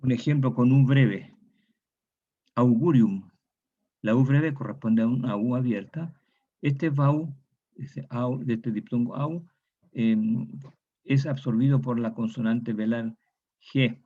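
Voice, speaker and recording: A man's voice: mid-range voice, slow, long pauses. A man teaching a class on historical grammar, repeating each key word and often tagging his statements with a question. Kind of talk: online lecture on historical grammar. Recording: dull lo-fi recording.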